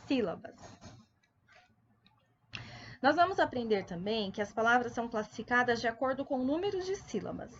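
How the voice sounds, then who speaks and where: A woman teaching a primary school video lesson, patiently addressing children and sounding out words slowly, syllable by syllable. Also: on the high side, fairly bright tone, highs cut off. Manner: slow, deliberate syllable-by-syllable enunciation.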